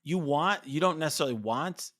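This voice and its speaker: A man's voice: a little high, animated, a little fast, fairly bright tone. Male co-host, conversational, slightly breathless, rambling with frequent restarts. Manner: chatty, lots of fillers and restarts. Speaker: podcast co-host. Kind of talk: casual conversation.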